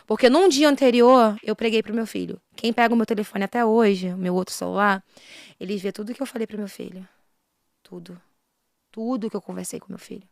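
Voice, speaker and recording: A rapid-fire woman pours out an earnest religious testimony, her voice dropping low and then surging with fervor. It is a dry, close sound with no room around it. She talks quickly, at middling pitch. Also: fairly even intonation, gravelly, dry recording. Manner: earnest, swings between hushed and raised passionate delivery. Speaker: missionary and preacher. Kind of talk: emotional faith testimony in a podcast interview.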